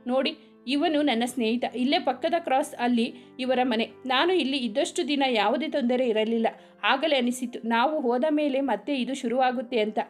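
A woman voicing a calm, protective young man in a storybook reading, speaking in a firm, reassuring way. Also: high-pitched, moderate pace, faint music behind, natural voice.

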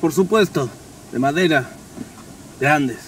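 An actor playing a smooth-talking rebel cop in a buddy-cop parody, flirty and dramatic. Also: male voice, a little high, slow pace, slight background noise, low-quality recording. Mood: suspicious. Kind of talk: parody of dubbed American buddy-cop show. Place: inside a car.

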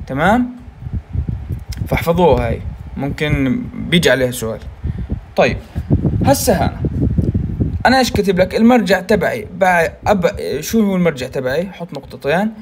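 Brisk high-voiced Levantine tutor. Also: male voice, a little hiss or hum. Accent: Levantine Arabic. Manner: explains step by step, often checks with "okay?"; mixes English science terms into Arabic. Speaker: university tutor. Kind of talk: recorded lecture.

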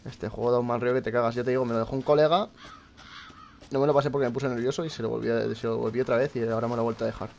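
Jumpy young Spanish streamer, gravelly. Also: male voice, mid-range voice, steady tone, racing, a little mellow, a little hiss or hum. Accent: Spain Spanish. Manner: jumpy, swears often, talks to viewers. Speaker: gameplay streamer. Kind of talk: casual live gameplay commentary.

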